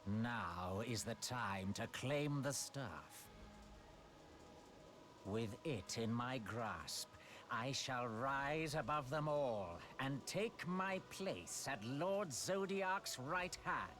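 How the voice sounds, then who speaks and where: An arrogant sorcerer villain from a video game, speaking slowly with theatrical menace. He is pompous and coldly mocking, relishing archaic, grandiose phrases at a middle pitch. There is clear noise behind the voice. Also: animated, fairly bright tone. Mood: gloating. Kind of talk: scripted video game voice acting.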